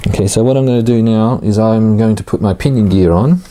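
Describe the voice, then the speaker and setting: A man giving a casual, hands-on tutorial, informal and halting as he thinks aloud while working. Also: lowish voice, noisy background. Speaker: hobbyist host of an RC car build series.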